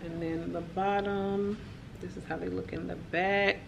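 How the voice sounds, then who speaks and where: A young woman vlogs about her shopping haul, relaxed and chatty, with lots of "like" and "y'all." Her somewhat low, creaky voice moves at a measured pace, the highs are cut off, and a faint room hum runs underneath.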